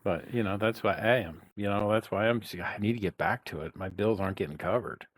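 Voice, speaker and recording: A man with a lowish voice talks briskly, with no echo, into a headset while co-hosting a reselling podcast. The chat is casual, and he rambles, keeps restarting sentences, and swears loosely.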